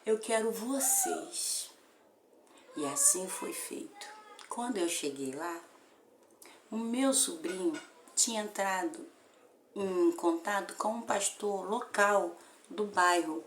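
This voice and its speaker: A woman's voice: lowish voice, slow pace, slight background noise. A Brazilian woman in her fifties, a mother telling a family story with feeling and repeating phrases for emphasis. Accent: Brazilian Portuguese. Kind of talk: emotional personal storytelling. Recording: roomy echo.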